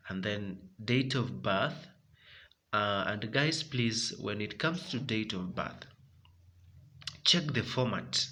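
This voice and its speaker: A man's voice: fairly low pitch, takes it slowly, pushed and bright. A man with a Kenyan accent, walking viewers through a form step by step, repeating key points. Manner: repetitive, instructive, addresses viewers as guys. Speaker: tutorial presenter.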